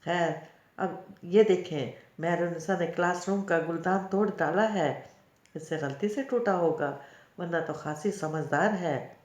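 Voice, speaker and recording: A woman's voice: lowish voice, measured pace, darkish tone, close to an everyday voice. A woman reading the part of a curt, strict female schoolteacher. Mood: stern. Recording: roomy, dull lo-fi recording.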